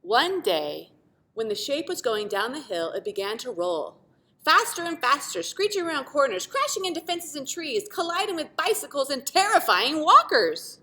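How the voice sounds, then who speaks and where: Very animated and high-pitched, this woman's sharp-toned voice moves at a moderate pace. She reads a picture book aloud to children the way a teacher would, full of dramatic emphasis and side comments to the little ones.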